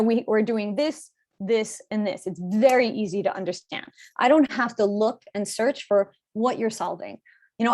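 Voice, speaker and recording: A woman speech coach, teaching an online workshop in a clear, encouraging instructor tone over a video call. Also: a little high.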